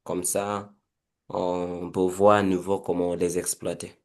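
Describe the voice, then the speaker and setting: Kenyan guy teacher on a call, really deep voice, keeps repeating himself. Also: little pitch movement. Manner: halting, repeats words. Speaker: participating teacher. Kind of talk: question in an online workshop. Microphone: video call.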